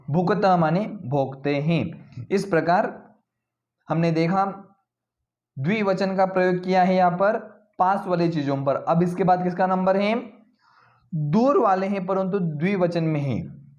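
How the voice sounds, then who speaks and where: A man with a slightly high voice gives a slow, patient Sanskrit lesson. He reads each word aloud and then explains it. The recording is dull and lo-fi. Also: a little mellow. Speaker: Sanskrit teacher.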